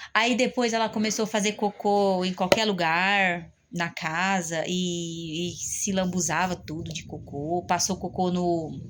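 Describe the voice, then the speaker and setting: A woman's voice: fairly low pitch, a bit bright, a little hiss or hum. A woman with a Brazilian accent, a family caregiver, talking casually and at length straight to her viewers, rambling and often turning to address them. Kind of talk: casual vlog talk to viewers.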